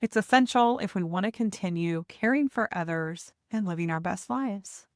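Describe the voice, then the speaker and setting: A woman hosts a reflective, encouraging solo talk in a very dry, close recording. She speaks gently and deliberately at a medium pitch. Pauses fall between her phrases as she guides the listener. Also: no room sound. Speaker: podcast host and hospice nurse coach.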